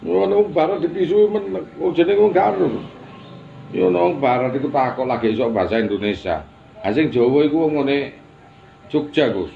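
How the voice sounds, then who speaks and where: A man's voice: a little high, normal speed, creaky, dull audio, a crowd in the background. A man giving an informal religious talk, chatty, with teasing asides. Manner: chatty, mixing Javanese and Indonesian, teasing asides. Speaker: religious teacher.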